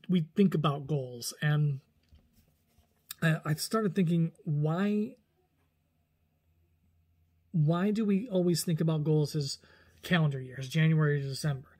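His voice fairly high and husky, a vlogger in his forties rambles to camera in a small indoor room at home. He's animated and gestures a lot, frequently restarting and correcting himself in this casual talking-head vlog.

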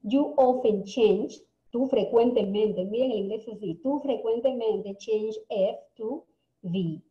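A woman leads a lesson at an unhurried pace, spelling out words and pausing to ask her class "ok?". Her voice sits in the middle of the range and carries a roomy echo. The recording sounds dull and lo-fi. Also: a little high. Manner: repeats words slowly, checks in with frequent "ok?". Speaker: English teacher.

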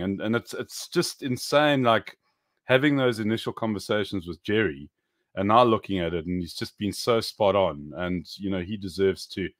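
A man in his thirties co-hosting a casual crypto chat on a video call, animated and emphatic, swearing casually. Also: sits low, dry recording, clean studio sound. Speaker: co-host. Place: home room. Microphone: webcam video call.

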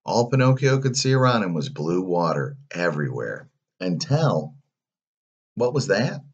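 A man reading a children's story aloud, animated, with playful asides. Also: sits low, measured pace, breathy edge, dull audio.

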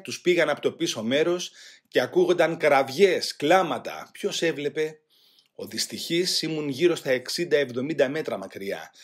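A man reading a first-person memoir aloud in a grave, measured way. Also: fairly high pitch, breathy edge. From Greece. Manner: grave, measured, voicing shouted quotes louder. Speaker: audiobook reader.

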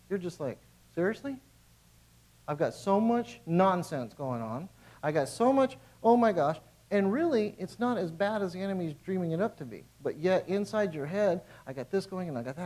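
A man's voice: a little high, mellow, poor audio. Emphatic man preaching a casual sermon. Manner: informal, emphatic, repeats phrases. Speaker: pastor. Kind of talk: conversational sermon. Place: church.

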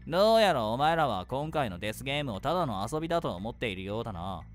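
A man voicing a stern male wolf mascot who runs a death game, gruff and commanding, with lively pitch. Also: fast talker, faint music behind, lightly acted. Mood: menacing.

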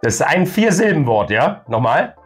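An older man playing a casual guessing game, talking too loudly with headphones on and repeating himself haltingly. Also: fairly high pitch, big pitch swings, husky, faint music behind. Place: small indoor room.

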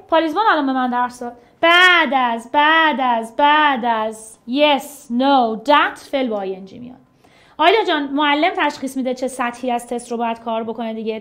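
Young persian lady teaching english, high bright voice, bouncy and coaxing, keeps repeating stuff in a rhythm. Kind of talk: energetic classroom explanation.

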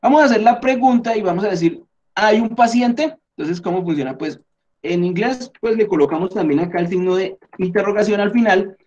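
This man talks fast, with a high, slightly mellow voice and lively intonation, though the highs are cut off. In an online class explained in Spanish, he teaches English step by step, often checking in and thinking out loud as he fixes his own on-screen edits.

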